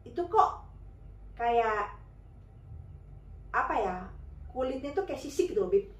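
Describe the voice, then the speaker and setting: A woman's voice: a little high, very animated, unhurried, far from the mic, lo-fi sound. Chatty woman telling a story, echoey room. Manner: chatty, with many fillers. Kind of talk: casual spoken storytelling.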